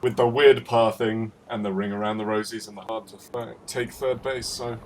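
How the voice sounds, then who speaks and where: A man's voice: fairly low pitch, fairly even intonation, moderate pace. A man casting a video game match, joking and laughing as he banters with his co-caster. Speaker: esports caster. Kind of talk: casual game commentary.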